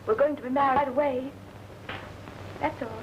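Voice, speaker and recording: A woman's voice: high voice, steady tone, moderate pace, dull audio. A torn stage girl, early talkie. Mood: resolute. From Texas. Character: young woman, stage performer, torn and resolute. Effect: early talkie film recording. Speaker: stage actress. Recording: hissy early sound-film soundtrack.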